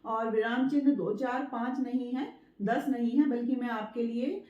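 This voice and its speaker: A woman with a fairly high, mellow voice gives a patient spoken lesson. She repeats her points, checks in with her listeners and slows down to sound out words one syllable at a time. The room is echoey and the recording sounds dull and lo-fi. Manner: spells out words slowly syllable by syllable. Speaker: Hindi teacher. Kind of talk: spoken Hindi writing lesson.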